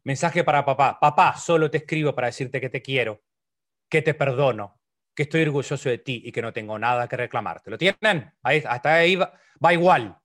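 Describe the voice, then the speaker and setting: Speaking briskly, a middle-aged Uruguayan psychologist gives a humorous online motivational talk with a Spanish accent from his country. He plays around, shifting from loud, high complaints to soft, almost whispered lines.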